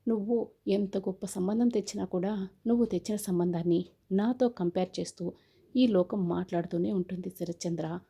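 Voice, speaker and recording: A woman's voice: medium pitch, normal speed, gravelly, warm tone, breathy edge. A woman reading the lines of a proud, defiant young man who calls off his wedding, in a scornful, lecturing way.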